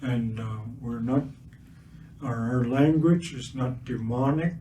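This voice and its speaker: An older Blackfoot-speaking man from Siksika Nation in Alberta, Canada, a residential school survivor, gives an earnest public talk as a guest speaker at a livestreamed community event. His medium-pitched voice moves through many pauses and fillers, with a touch of gentle humor. He speaks in a cultural centre event space, picked up by a distant mic with faint ambient noise.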